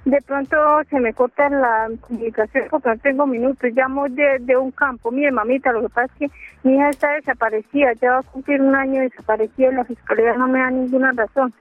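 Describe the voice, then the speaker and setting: A woman phones in from the countryside, her high voice thin and tinny over the phone line. She speaks in a pleading, urgent way, with a dry, close sound. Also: steady tone, brisk, no echo, soft background music. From Colombia. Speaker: radio caller.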